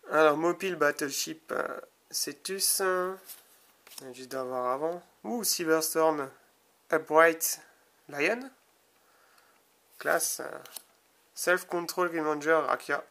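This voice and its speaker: Young man, from France, bright tone, slightly high voice, slow casual commentary, reading card names. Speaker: card-opening video host.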